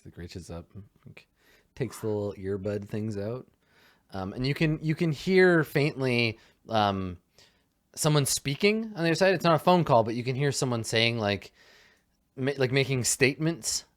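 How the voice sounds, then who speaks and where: A man narrates a tabletop game as its game master. He talks in a loose, rambling way, with plenty of fillers and restarts. His voice sits at an ordinary, middle pitch. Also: normal speed.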